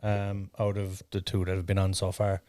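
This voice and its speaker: A man's voice: low voice, normal speed, no room sound, clean studio sound. A man co-hosting a podcast, talking casually and animatedly as he gives his views. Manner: animated, laughs often. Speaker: podcast co-host. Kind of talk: casual chat.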